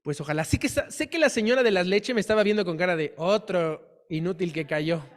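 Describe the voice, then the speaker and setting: A man's voice: sits high, a little fast. A man teaching a Bible class in a church hall, telling a personal story and acting out the dialogue in it.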